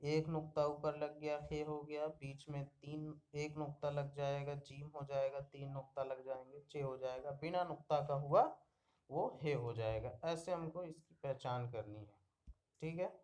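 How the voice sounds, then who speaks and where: A man teaching young pupils the alphabet in a slow screen-recorded lesson, patiently repeating each word and checking in after each one. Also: fairly high pitch, steady tone, a little mellow.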